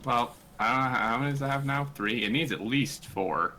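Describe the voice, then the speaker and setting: A man's voice: medium pitch, brisk, pushed and bright. A man chatting casually with fellow players during a multiplayer game. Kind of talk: casual chat during gameplay. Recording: faint background noise.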